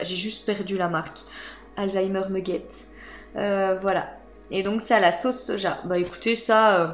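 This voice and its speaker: Chatty French-speaking woman, light music behind. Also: fairly high pitch. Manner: chatty, hesitant, many fillers. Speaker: vlogger. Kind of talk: casual unboxing chat.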